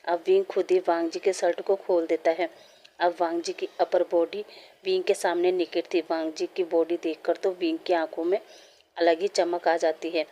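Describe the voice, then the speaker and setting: A woman narrating a fan-fiction story in a steady, plain storytelling manner. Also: lowish voice, moderate pace, muffled recording.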